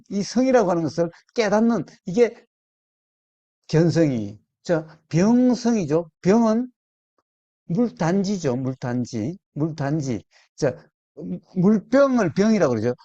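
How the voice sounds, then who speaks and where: A man teaching Buddhist meditation in a slow, deliberate way, repeating his key words and putting questions to his listeners. His voice is mellow and his pitch moves a lot. The recording is dry and sounds lo-fi. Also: dry recording. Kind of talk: dharma talk to a small group.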